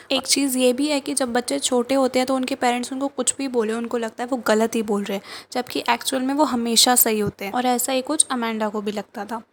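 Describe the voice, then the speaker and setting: High-voiced Indian woman teacher. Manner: reads poem lines slowly, then explains in plain Hindi. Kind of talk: poem explanation lesson in Hindi and English.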